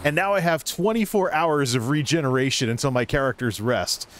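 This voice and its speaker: A man's voice: mid-range voice, a little fast, over music. Man rambling through casual gameplay commentary. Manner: rambling, thinking aloud. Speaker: gaming video creator.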